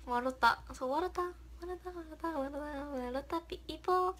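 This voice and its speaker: A woman's voice: high-pitched, normal speed, fairly bright tone. A young woman hosting a casual livestream, reading viewer comments aloud, thanking them, and giggling often. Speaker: idol livestream host.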